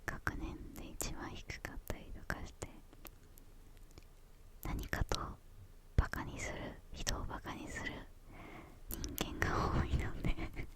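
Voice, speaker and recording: Hushed whispering young woman, ASMR style. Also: a little slow, pauses often. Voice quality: hushed, breathy unvoiced whisper. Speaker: ASMR creator answering viewer questions.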